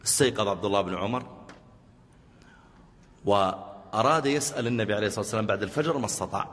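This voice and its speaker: Fast-talking preacher in a reverberant hall. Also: male voice, fairly low pitch. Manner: animated storyteller, voice rising for emphasis and falling for prayer. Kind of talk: sermon with storytelling and closing prayers.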